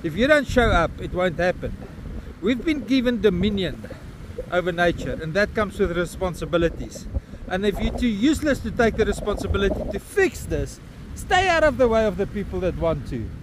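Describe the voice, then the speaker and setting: A South African man in his fifties vlogs while walking a windy beach at the mouth of an estuary, holding his phone camera at arm's length. His voice is high-pitched with big swings in pitch at a moderate pace, and he rants bluntly, swearing along the way. Wind and outdoor noise fill the recording.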